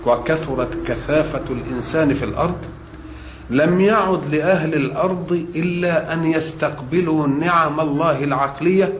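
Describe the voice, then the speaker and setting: Male preacher, measured explanatory sermon, slightly higher voice, roomy echoey recording. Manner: measured, explanatory, rising emphasis on key points. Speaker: religious scholar. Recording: echoey room with faint noise.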